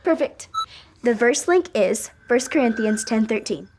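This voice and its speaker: A woman's voice: on the high side, lively intonation, a little slow, a little mellow, slight background noise. An actress playing a sensible, helpful young woman in a kids' show, earnest and explanatory. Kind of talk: scripted kids' show acting.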